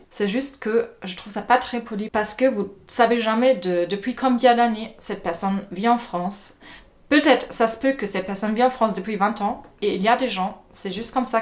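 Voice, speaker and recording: A woman from Germany with a German accent, telling personal stories casually to her viewers, with many hesitations and repeated words. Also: medium pitch. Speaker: vlogger. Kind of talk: casual personal storytelling to camera.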